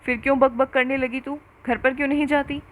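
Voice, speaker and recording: A woman's voice: mid-range voice, flat delivery, measured pace, fairly bright tone. A woman reading a story aloud and voicing a restrained, weary middle-aged farmer who speaks curtly. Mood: weary stern. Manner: curt, scolding.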